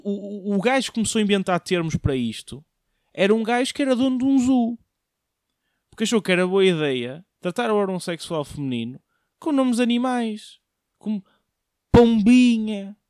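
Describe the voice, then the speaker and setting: With a high voice, a young comedian from Portugal does a casual, jokey solo monologue full of slang, often turning to ask his listeners things. It's a dry recording with clean studio sound.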